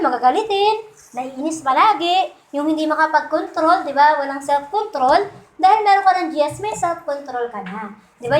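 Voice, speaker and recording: A woman with a Filipino accent preaching a Sunday sermon in a conversational way, often asking the congregation "di ba?" and acting out the people she quotes. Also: high-pitched. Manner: acts out quoted people in little voices. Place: church hall. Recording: echoey church hall.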